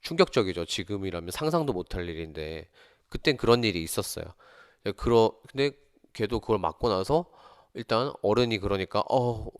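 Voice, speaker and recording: Low smooth-voiced man telling a story. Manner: acts out quoted voices with big pitch jumps. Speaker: teacher telling a personal story. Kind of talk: storytelling monologue.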